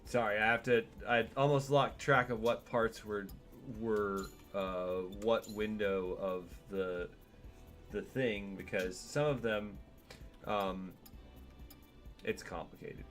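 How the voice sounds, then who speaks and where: A man's voice: lowish voice, fairly even intonation, takes it slowly, a bit bright, faint music behind. A man streaming a game from home, chatting in a digressive way and talking to his cat as he plays. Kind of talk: casual gameplay stream commentary.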